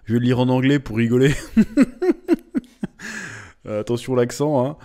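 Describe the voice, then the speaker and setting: A man hosts a casual manga news commentary with a warm, relaxed voice at an ordinary middle pitch. He talks bluntly and chattily, full of hesitations, and plays up his points with exaggerated, mock-dramatic emphasis. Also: fast. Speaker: host of a manga channel.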